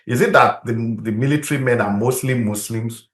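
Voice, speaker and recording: A man's voice: mid-range voice, brisk, fairly bright tone. A man hosting an interview in a conversational way, often murmuring short acknowledgements. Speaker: interviewer, host. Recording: echoey, roomy sound.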